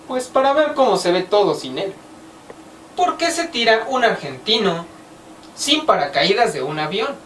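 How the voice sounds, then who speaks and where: Mexican woman vlogger, animated joke-teller, pitch jumps around a lot, roomy sound from a mic set back. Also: measured pace. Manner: animated, playful delivery. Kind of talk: casual joke-telling to camera. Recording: roomy, mic at some distance, faint background noise.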